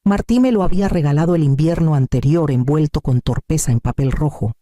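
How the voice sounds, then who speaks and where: A man narrating a first-person family drama in a steady, scripted storytelling manner. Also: fairly high pitch, a little fast, no echo, studio quality.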